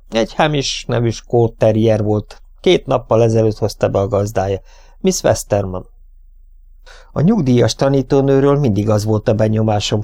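A man narrating an audiobook in an even, measured storytelling way. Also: on the low side.

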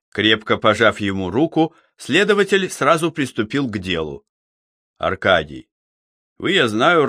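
A man narrates an audiobook, telling the story in a measured, even way. His pitch is medium, and the studio-quality recording has no echo.

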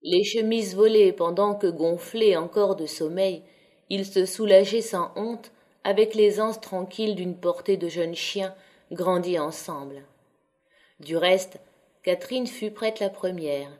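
A woman narrating a classic novel as an audiobook, reading in a measured, even, descriptive way. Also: mid-range voice. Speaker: audiobook reader.

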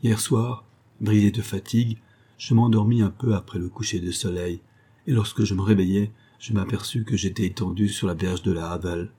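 A man's voice: fairly low pitch, fairly even intonation, normal speed, dark tone, breathy edge. A man voicing a distressed young army lieutenant telling of his capture, read aloud in an earnest first-person manner. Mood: tense. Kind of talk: audiobook reading.

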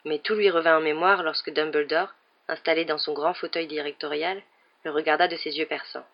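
A man's voice: fairly even intonation, brisk, creaky. A man reading a children's fantasy novel aloud as scripted narration, lifting his voice for the characters' lines. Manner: reads all the characters with raised pitch for quoted lines. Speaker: audiobook reader. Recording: dull lo-fi recording.

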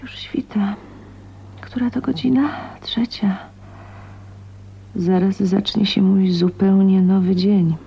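This actress voices the same kind of heroine, a bitter, lonely, ailing 29-year-old spinster, in a soliloquy for a 1980s radio drama, husky and breathy, halting and introspective, often half-whispering. Her mid-range voice moves from weak and pained to defiant, and the dull, muffled recording carries a little hiss or hum.

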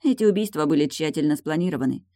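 A woman narrating a crime novel as an audiobook, in an even, measured reading. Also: low voice, dry recording, studio quality. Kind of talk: scripted narration.

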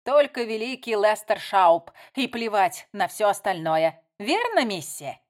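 A woman reading aloud voices a spiteful, sarcastic young woman who mocks and shouts insults. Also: mid-range voice, big pitch swings, measured pace. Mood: sneering.

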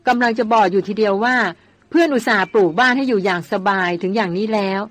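A woman's voice: medium pitch, natural voice. A woman reading as a bossy young woman doctor. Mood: teasing. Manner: scolding, quick-tongued.

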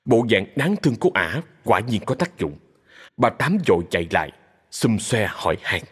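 Husky-voiced male storyteller. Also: lowish voice, normal speed, long reverb tail. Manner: steady, expressive storyteller. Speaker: narrator. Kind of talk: dramatic story narration.

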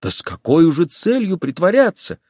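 A man reading an audiobook voices a calm, gentle young woman who speaks softly and reasonably. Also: fairly high pitch, slightly rough, no room sound, clean studio sound, pitched above the performer's own voice, full character voice. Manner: soft, measured, reasonable. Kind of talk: audiobook character voice.

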